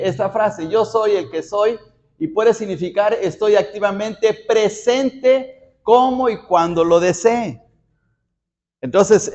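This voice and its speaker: A male pastor from Mexico teaches a Bible study in a fairly high voice, explaining step by step. He often checks in with his listeners and sometimes repeats words while he gathers his thoughts. The recording sounds dull and lo-fi. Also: darkish tone. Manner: explanatory, checks in with the audience by asking "¿sí?".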